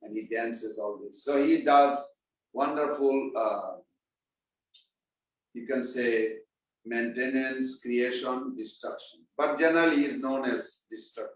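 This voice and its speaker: A man's voice: medium pitch, unhurried. A man giving a scripture class, talking casually, quizzing his listeners and chanting verses. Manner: conversational, quizzes the audience. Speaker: spiritual class speaker. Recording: echoey room, mic far off.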